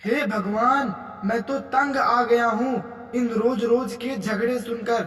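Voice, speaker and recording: Cartoon son, man, fed up and placating, voiced by one actor, high voice, hall echo. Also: steady tone, takes it slowly. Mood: exasperated. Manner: exasperated, placating. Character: weary son caught between wife and mother. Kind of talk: cartoon comedy skit. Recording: echoey, distant, loud music behind.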